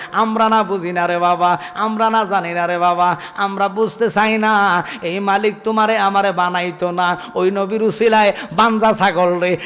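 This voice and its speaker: A male preacher, giving a sermon that shifts between chanted, sung lines and quiet asides to the crowd. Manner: swings from sung, stretched shouting to low, quiet talk with the crowd. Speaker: preacher at an outdoor religious gathering. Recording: long reverb through loudspeakers, faint music.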